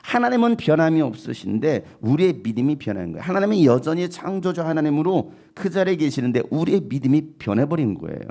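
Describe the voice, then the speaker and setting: A male pastor preaching a sermon in an animated way, at times acting out the voices he quotes. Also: on the high side, gravelly.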